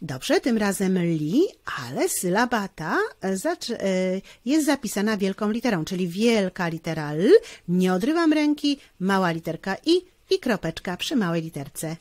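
A woman teacher walks children through forming letters, one stroke at a time. Her pitch rises and falls a lot, and she often pauses with small fillers. The sound is dry and close. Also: sing-song, a little mellow, dry recording. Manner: slow, step-by-step instruction with frequent hesitation fillers. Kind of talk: handwriting lesson for children.

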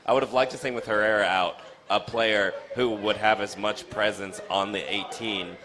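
Animated young man hosting soccer talk. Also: moderate pace, a crowd in the background. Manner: animated, restarts often, jumps in pitch. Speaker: soccer show host. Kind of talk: casual post-game chat. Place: dim bar. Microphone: studio mic on stand with foam cover, headphones.

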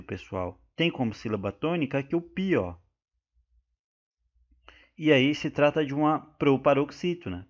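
A man with a Brazilian Portuguese accent teaching an exam-prep grammar lesson, explaining step by step, often turning to his listeners and checking that they follow. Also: medium pitch. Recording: muffled lo-fi recording.

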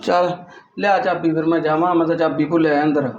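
A man playing an easygoing husband who jokes with his wife and gives calm advice, in a short film. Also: a little high, fast, close to an everyday voice. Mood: teasing. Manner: relaxed, joking. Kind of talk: Punjabi short film acting. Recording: roomy, dull, noisy.

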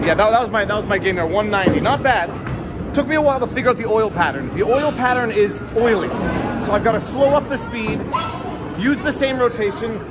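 Chatty man vlogging in a noisy bowling alley. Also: high voice. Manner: chatty, explains bowling technique. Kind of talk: casual vlog at a bowling alley. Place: large indoor bowling alley. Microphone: phone camera at arm's length. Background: loud crowd and music.

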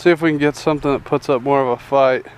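A young fishing channel host chats excitedly at a rural pond, calling everyone "dude" and "guys" in a casual vlog filmed on a head-mounted action camera. His medium-pitched voice is clear and resonant, and he talks fast.

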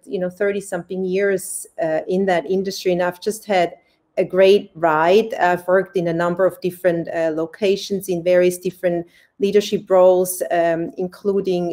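A woman in her forties from Switzerland speaking on a video call from home, telling stories in a lively way with many fillers and restarts. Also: on the low side. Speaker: panelist. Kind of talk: panel talk on a video call. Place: home room indoors. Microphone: webcam at desk distance.

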